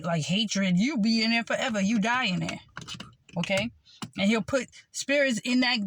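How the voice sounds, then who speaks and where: A woman's voice: medium pitch, a little hiss or hum. A woman delivering a rambling religious monologue, meandering with frequent fillers and repeated words. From United States. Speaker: self-styled preacher.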